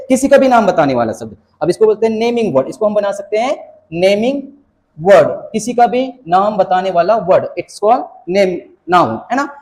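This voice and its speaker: A man's voice: sits high, a little mellow. A man teaching an exam-prep grammar lecture, mixing Hindi with English terms and often asking "है ना" to check understanding. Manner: explanatory, repeats "है ना" and rhetorical questions.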